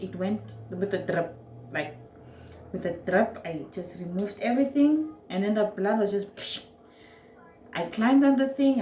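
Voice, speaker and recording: Animated Namibian woman telling a story. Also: mid-range voice, roomy sound, highs cut off, a little hiss or hum. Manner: animated, acts out moments with quoted voices and sound effects. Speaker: vlogger. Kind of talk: casual storytelling to camera.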